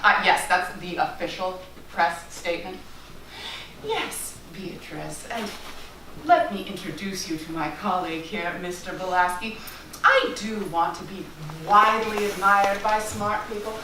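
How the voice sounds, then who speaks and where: A woman's voice: medium pitch, unhurried, close to an everyday voice. A woman playing a boastful, vain male escape artist, speechifying in a grandiose, self-important way in a stage monologue. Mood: pompous. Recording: echoey distant stage recording, noisy.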